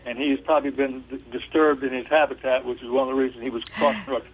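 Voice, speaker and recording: A man's voice: medium pitch, flat delivery, fast talker, slight background noise. Man in his seventies over a landline phone. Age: 70s. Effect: landline telephone. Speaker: radio phone-in caller. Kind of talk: casual conversation on a call-in show. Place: on a landline telephone. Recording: muffled landline phone call.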